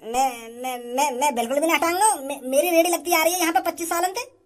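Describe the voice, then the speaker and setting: A woman's voice: extremely high pitch, fast. A woman voicing a stubborn, proud old male street food vendor in a cartoon, who scolds and stammers when upset. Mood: shaken. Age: older. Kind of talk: cartoon voice acting. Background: music.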